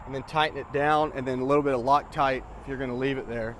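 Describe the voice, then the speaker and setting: A man's voice: medium pitch, fairly even intonation, fast, a bit bright. A man chatting casually and informally as a scooter dealer, explaining a product to a customer. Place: outdoors. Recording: outdoor ambient noise.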